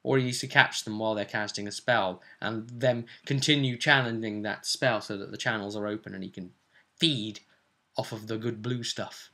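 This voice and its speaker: A British man casually recounts a tabletop role-play session he ran as game master, animatedly acting out what the players said. His voice is fairly low in pitch at a moderate pace.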